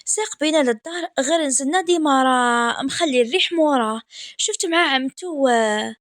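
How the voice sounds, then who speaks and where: A woman with an Algerian Arabic accent narrating a first-person story in a soft, intimate way. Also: sits high, fairly quick, dry recording, studio quality.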